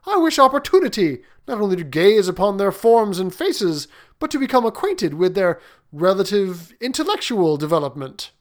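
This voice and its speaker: A man reading a storybook, voicing a proud young foreign prince who talks in a fussy, indignant way. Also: very animated. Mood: perplexed. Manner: high, quick, fussy and indignant.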